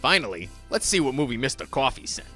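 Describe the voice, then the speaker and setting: A man's voice: medium pitch, big pitch swings, quick pace, sharp tone, soft background music. Man playing a swooping, hammy ghoul horror host. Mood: affectionate, excited. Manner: theatrical horror-host showmanship with slangy folksy address. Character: jolly gray ghoul horror host, male, hammy and folksy. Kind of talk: campy horror host presenting, scripted comedy monologue.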